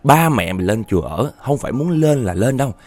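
A man's voice: medium pitch, big pitch swings, a little fast, a little mellow, soft background music, close to an everyday voice. A man voicing family elders who scold and lecture a relative.

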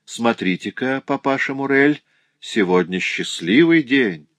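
A man reading an audiobook and voicing a cheerful, bustling old concierge woman with loud, bubbly exclamations. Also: mid-range voice, animated, measured pace, no room sound, voice pushed up. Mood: jolly.

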